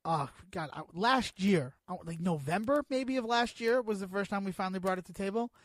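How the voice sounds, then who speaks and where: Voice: medium pitch, fairly quick. A podcast co-host chatting about a board game, enthusiastic and rambling while searching for the right words. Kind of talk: board game review chat.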